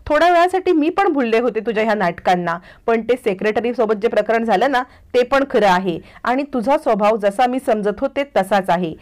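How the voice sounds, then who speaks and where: A resolute wronged wife from a family television drama, firm and cold in her refusal, as a woman reads her lines. The voice is fairly high. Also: lively intonation, normal speed, hardly any pauses, darkish tone, natural voice.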